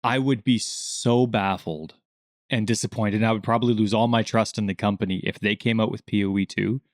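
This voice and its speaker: A man with a somewhat low voice, co-hosting a relaxed gaming podcast. He talks in an animated way and jumps up in pitch when he acts out the questions he quotes. The sound is dry and close to the mic. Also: a little fast, dry recording. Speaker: podcast co-host. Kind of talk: casual gaming podcast chat.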